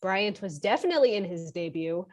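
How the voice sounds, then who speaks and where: A woman's voice: medium pitch, lively intonation, a little fast. A woman co-hosting a casual sports podcast, giving blunt, opinionated takes. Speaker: podcast co-host.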